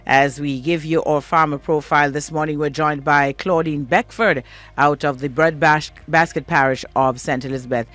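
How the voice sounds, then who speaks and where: A man, smoothly hosting a morning radio show with an easy, polished on-air delivery. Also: on the high side, fairly even intonation, normal speed, a bit bright.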